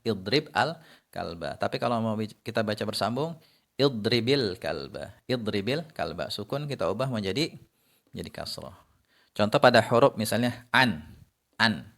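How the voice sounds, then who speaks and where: Low-voiced man teaching Arabic reading. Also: gravelly, fairly bright tone. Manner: explains slowly, repeats examples, frequent "ya". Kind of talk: casual spoken lesson.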